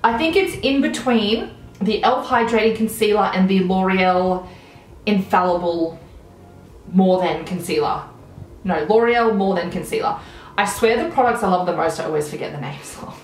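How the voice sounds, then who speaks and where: A beauty vlogger in her thirties with an Australian accent chats enthusiastically about products while doing a makeup tutorial in a small room at home. Her medium-pitched voice moves at a moderate pace, and the low-quality recording is reverberant with a little hiss or hum.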